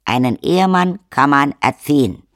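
A man's voice: fairly high pitch, lively intonation, moderate pace, fairly bright tone, no echo, pitched above the performer's own voice. Man playing an old witch woman, blunt, bossy, matter-of-fact, raised voice, dry sound. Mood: brisk.

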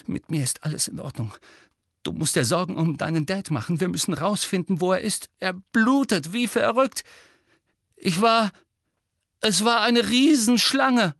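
A man's voice: mid-range voice, moderate pace, gravelly, husky, dry recording, studio quality. A man voicing a panicked teenage boy wizard in pain, gasping and agitated, in an audiobook reading. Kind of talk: audiobook character voice.

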